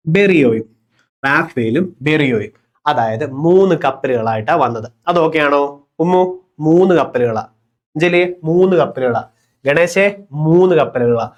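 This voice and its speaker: Lively man teaching a class. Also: on the high side. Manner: repeats key facts, quizzes and calls students by name; lively, coaxing, drills answers. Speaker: exam coaching teacher. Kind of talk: online class lecture.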